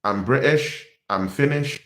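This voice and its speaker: A young man from Nigeria hosting a football channel in casual live-stream chat, animated and repetitive, calling his viewers "people". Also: mid-range voice, measured pace, reverberant.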